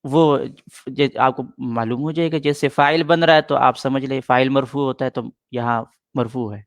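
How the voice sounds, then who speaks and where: A patient middle-aged man teaching a grammar class, going over each rule more than once. His voice has an average pitch and sounds close and dry, with no room echo. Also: fairly even intonation. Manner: patient, repeats points and answers students' questions.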